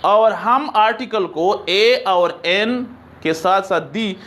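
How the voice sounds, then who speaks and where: A man teaching an English class, explaining slowly, repeating examples and checking that students follow. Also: high-pitched, fairly bright tone. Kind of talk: classroom lecture.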